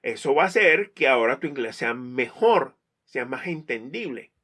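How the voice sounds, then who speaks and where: A man giving an animated lesson to pilots, full of rhetorical questions and examples. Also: mid-range voice, moderate pace. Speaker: English teacher for pilots. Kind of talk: online lesson talk.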